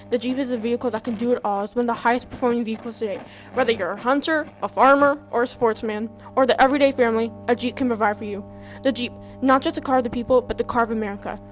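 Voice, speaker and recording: A woman's voice: fairly high pitch, close to an everyday voice, rough recording. A woman playing a proud, upbeat announcer in a 1940s radio commercial, with an emphatic promotional delivery. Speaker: advertisement announcer. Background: music.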